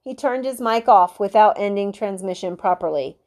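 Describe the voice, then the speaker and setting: A woman teacher reading a novel aloud, expressive, slowing for dramatic moments. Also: medium pitch. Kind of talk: storybook read-aloud.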